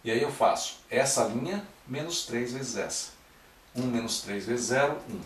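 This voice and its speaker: A man's voice: medium pitch, normal speed, slight background noise. A man teaching a math lesson step by step, often checking in with his students as he works. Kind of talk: recorded classroom-style lecture. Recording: echoey room, mic at a distance.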